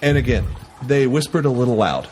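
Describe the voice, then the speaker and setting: A man's voice: mid-range voice, a little fast, a little hiss or hum. A man co-hosting a casual podcast, telling stories with swearing and acting out quoted lines. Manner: animated storyteller, acts out quotes, swears casually. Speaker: podcast co-host. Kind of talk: casual chat.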